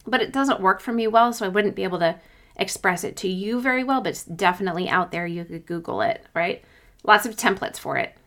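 A woman's voice: mid-range voice, expressive, fairly quick, fairly bright tone. A woman hosting a solo coaching podcast, talking conversationally and giving informal, encouraging advice.

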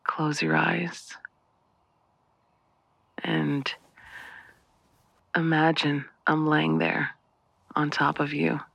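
A man speaks in a hushed, breathy half-whisper close to the microphone, drawing every phrase out very slowly. His voice is husky with a gravelly edge, yet bright in tone. The sound is dry and close, with no room around it. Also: fairly high pitch, level tone, no echo. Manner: soft, breathy half-whisper, slow and lingering. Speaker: audio roleplay performer. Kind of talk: intimate whispered audio roleplay.

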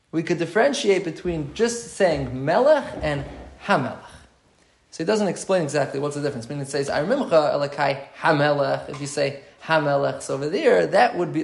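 A man's voice: on the high side, creaky, reverberant. A man giving an informal text-study class, explaining step by step and often repeating and restarting his phrases. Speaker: Torah class teacher.

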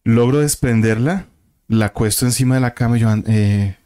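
A man's voice: mid-range voice, moderate pace, mellow, clear, resonant tone. A man, a guest telling a vivid story and acting out the voices and sounds in it. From Colombia. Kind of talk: casual storytelling of a paranormal experience.

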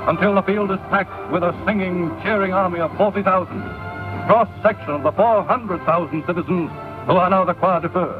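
A man delivers declamatory old newsreel narration in a high voice. He is formal and dramatic, proclaiming each phrase. The sound is a thin, tinny 1930s recording with prominent music behind him. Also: a little fast. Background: loud music.

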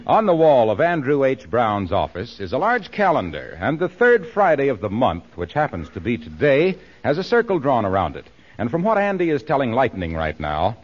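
A man's voice: medium pitch, huge pitch swings, normal speed. A man announcing and narrating a 1940s radio show from a script. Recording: dull lo-fi 1940s radio recording. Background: music.

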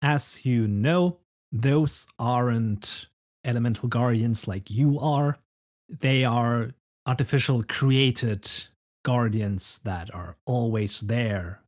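A male game master narrates a tabletop adventure in an unhurried, descriptive way. He takes his time, with a steady mid-range pitch.

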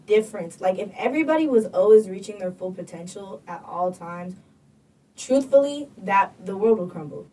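Husky woman on a chat podcast, kinda far from the mic, says like a lot. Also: medium pitch, expressive, moderate pace, mellow. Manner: chatty, filler-heavy, thinks aloud. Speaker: podcast co-host. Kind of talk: casual chat.

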